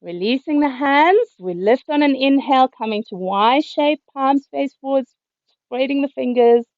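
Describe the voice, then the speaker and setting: Through a video call's computer microphone, a woman leads yoga instruction at a moderate pace, talking students through every breath and pose. Her voice is a bit high and slightly hoarse yet calm and even, and the recording is dry and dull.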